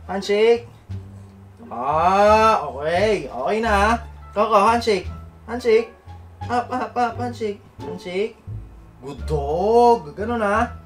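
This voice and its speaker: A man vlogging, playfully coaxing his dog and repeating commands over and over. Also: high-pitched. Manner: playful, coaxing, repeats commands, code-switches Tagalog and English. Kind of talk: casual vlog.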